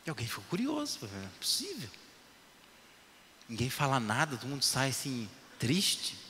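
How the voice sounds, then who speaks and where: A man preaching a sermon emphatically, repeating his points and dropping to hushed lines. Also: medium pitch, wildly swooping pitch, fairly quick. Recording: echoey hall, faint noise.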